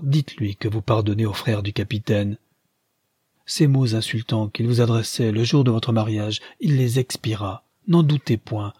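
A man's voice: lowish voice, dark tone, husky, no room sound. A man reading the part of a frightened lady's maid who pleads and soothes in a storybook reading.

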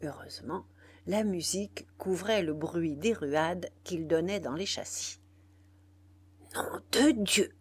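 Audiobook narrator, woman, husky, measured and expressive reading. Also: fairly low pitch. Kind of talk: scripted literary narration.

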